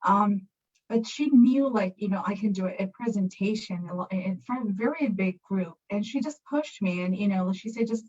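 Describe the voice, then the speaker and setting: A woman panelist telling a personal story over a video call, halting and full of fillers, laughing easily. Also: medium pitch, a little mellow, muffled recording.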